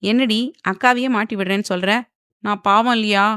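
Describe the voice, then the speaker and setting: A woman's voice: mid-range voice, steady tone, brisk, a bit bright, smooth, dry recording, studio quality, natural voice. A woman voicing a squabbling young woman who whines and complains, in an audio novel. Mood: exasperated. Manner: whiny, exasperated.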